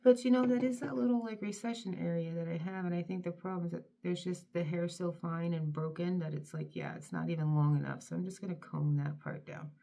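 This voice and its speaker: A middle-aged woman from North Carolina talks to her viewers while she styles her hair. Her voice sits low with a gravelly, fried edge. She is chatty and self-deprecating, often dropping into soft mutters. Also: fairly even intonation, a little fast, hardly any pauses. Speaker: vlogger. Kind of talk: casual chat while styling her hair.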